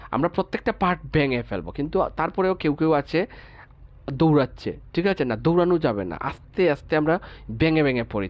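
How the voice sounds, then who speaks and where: A male teacher slowly sounds out English words syllable by syllable and checks in with "ঠিক আছে?" again and again. His pitch rises and falls with a lot of life. The sound is dull and a bit lo-fi, like audio from an online class. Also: no echo. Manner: breaks words into single sounds and repeats them, asks "ঠিক আছে?" often.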